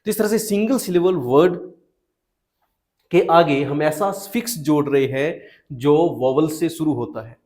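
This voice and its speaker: Slow, patient male teacher. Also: on the high side, a little mellow. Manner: slow, patient, asks questions then answers them. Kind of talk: explaining spelling rules to students.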